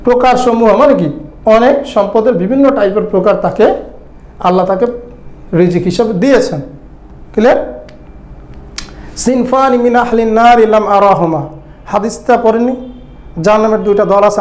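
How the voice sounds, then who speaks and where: A man's voice: sits high, quick pace, long pauses, a little mellow. Echoey man teaching grammar step by step. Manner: explains step by step, often checks "right? clear?". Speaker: Arabic teacher. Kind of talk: online grammar lesson.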